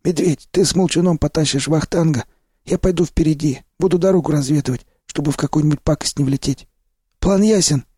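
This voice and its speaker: A man reading an audiobook, voicing a hoarse, gruff male stalker who leads the group. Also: fairly high pitch, fairly quick, warm tone, no room sound, clean studio sound, pitched above the performer's own voice. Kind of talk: audiobook character voice.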